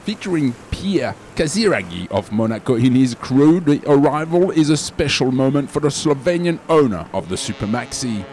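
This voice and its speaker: A man narrates sailing news in a scripted voice-over, his pitch rising and falling a lot. His voice sits in the middle range, with a faint hiss of noise behind it. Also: big pitch swings, normal speed, few pauses, darkish tone.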